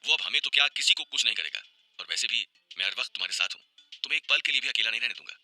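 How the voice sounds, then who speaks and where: A man's voice: medium pitch, animated, racing, sharp tone, soft background music. A man playing a devoted young commando who soothes and protects the woman he loves, tender and reassuring. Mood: soothing. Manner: tender and reassuring, firm when vowing.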